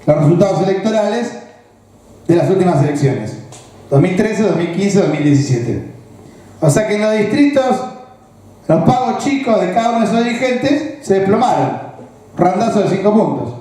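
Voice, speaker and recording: Echoey, high-pitched Argentine man lecturing. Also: sing-song, normal speed, pauses often, warm tone. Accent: Rioplatense Argentine. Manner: explanatory, asks the audience rhetorical check-in questions. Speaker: political speaker. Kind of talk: political analysis speech. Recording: very echoey, roomy recording.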